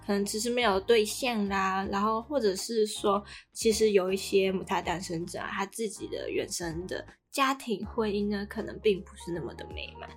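With music running underneath, a Taiwanese Mandarin–accented podcast co-host in her early twenties explains things casually at a moderate pace. Her medium-pitched delivery barely pauses, though she draws out her phrase-final particles.

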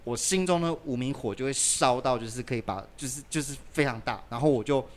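A man's voice: mid-range voice, quick pace, slight background noise. A man, telling a personal story as a podcast guest, full of fillers. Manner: animated, lots of "就是" fillers. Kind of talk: casual storytelling in a podcast interview.

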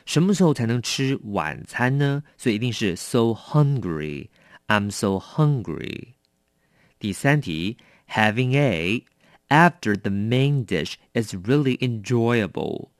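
A man's voice: medium pitch, lively intonation, slow, dry recording, studio quality. A man teaching English vocabulary in a chatty, explanatory way, asking rhetorical questions. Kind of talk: vocabulary lesson explained in Mandarin.

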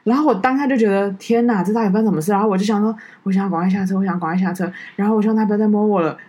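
Fast-talking woman telling a personal story. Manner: animated storytelling, drops low and soft on heavy moments. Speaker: podcast co-host. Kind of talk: casual chat.

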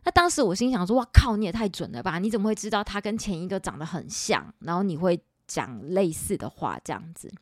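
Taiwanese-accented woman podcast host, 40s, lively storyteller, dry close recording. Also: mid-range voice, fast, hardly any pauses, no echo. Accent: Taiwanese Mandarin. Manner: animated, chatty, dramatic retelling with quoted dialogue.

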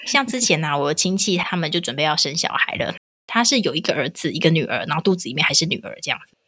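Female podcast host, Taiwanese Mandarin accent, slightly low voice, casual and opinionated, animated storyteller who voices her quotes. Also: quick pace, slightly rough.

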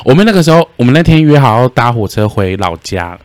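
A man's voice: mid-range voice, sing-song, fast, dry recording. A man tells a story in casual podcast chat and acts out the quoted voices. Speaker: podcast host.

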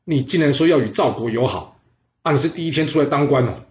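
A man voicing an arrogant, hot-tempered ancient king who shouts and scorns his advisers. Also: medium pitch, lively intonation, fast, lightly acted. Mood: scornful. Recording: roomy, slightly dull audio.

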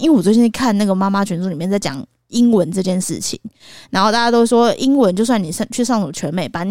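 A woman's voice: medium pitch, darkish tone, no room sound, clean studio sound. A woman co-hosting a casual podcast, a mother explaining her views on raising a toddler and acting out playful scenes. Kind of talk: casual chat.

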